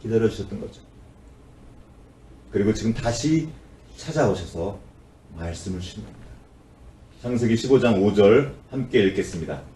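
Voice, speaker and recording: A man's voice: on the low side, lively intonation, moderate pace, long pauses, warm tone, a little hiss or hum. A man preaching a sermon as a pastor, acting out the complaints of the people in his story with a rising, pleading voice. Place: church sanctuary. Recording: roomy church sound, voice from a distance.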